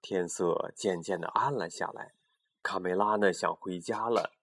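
A man in his thirties, a father reading a bedtime storybook to his child, gentle, with explaining asides. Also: deep voice, steady tone, moderate pace, husky.

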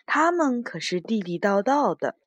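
A woman reading a children's storybook aloud as a gentle storyteller. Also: a little high, sing-song, lo-fi sound. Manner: slow, gentle read-aloud.

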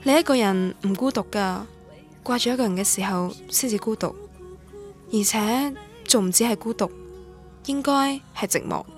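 An actress in a Cantonese radio drama plays a lonely young woman student recalling her memories in a wistful, literary way, with a Guangdong Cantonese accent. Her medium-pitched voice is lightly acted and reflective, moving at normal speed with long pauses over faint music.

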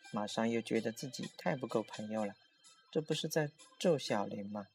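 Male narrator, horror audiobook, steady storytelling, mid pitch, faint music underneath. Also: breathy edge.

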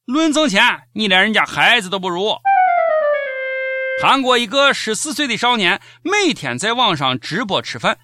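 A man's voice: high voice, very animated, moderate pace, loud music behind the voice. A man with a Shaanxi accent hosting scripted satirical news commentary in a mocking, sarcastic manner. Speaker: host of a comic news show.

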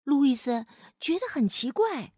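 Her high voice swinging widely in pitch, a woman reads aloud from a children's storybook without hurrying and draws out her sentence-final particles. The recording is close, dry, and has no room sound.

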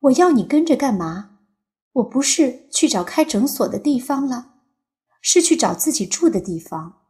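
A woman's voice: sits high, very animated, moderate pace, warm tone, voice pushed up. A woman voicing a bold young woman psychologist who is blunt and demanding, speaking curtly and firmly in an audiobook. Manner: curt, firm and cutting. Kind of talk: audiobook character voice.

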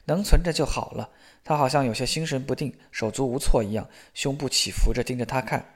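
A man reads a novel aloud in a steady, measured way. His voice sits at an ordinary middle pitch for a man. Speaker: audiobook narrator. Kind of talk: scripted novel narration.

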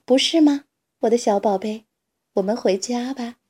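Mother duck, protective and gentle, calling for her duckling; woman reader. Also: a little high, normal speed, slightly rough. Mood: tender. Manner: tender, calling and soothing.

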